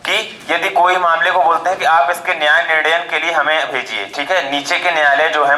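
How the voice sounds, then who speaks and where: A man's voice: on the high side, pushed and bright, echoey room, rough recording. A male teacher giving a classroom lecture, explaining step by step and often checking with short tag questions.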